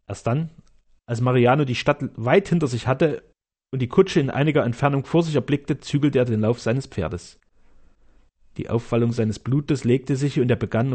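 A man reads a classic adventure story aloud, steady and measured. His voice sits in an ordinary middle register, unhurried as he carries the action along. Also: mid-range voice. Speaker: audiobook narrator. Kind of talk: scripted narration.

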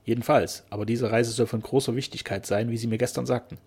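An earnest young nobleman in a storybook, heartfelt and anguished, as a male reader plays him. The voice comes out gravelly and very husky. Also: mid-range voice, steady tone, fast, a little mellow. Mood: astonished.

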